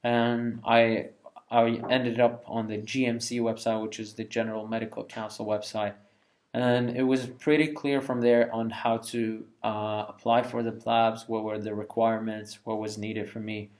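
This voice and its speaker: A junior doctor from Iraq, a man in his twenties, answers interview questions in a relaxed, friendly and candid way, laughing lightly. His voice is on the low side and darkish, with a level tone and moderate pace.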